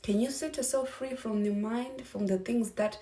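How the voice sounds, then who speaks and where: Zimbabwe-born woman vlogger, earnest and questioning, warm low-key timbre, slightly distant mic. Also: steady tone, moderate pace. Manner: earnest, asks many rhetorical questions. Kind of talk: reflective faith talk to camera.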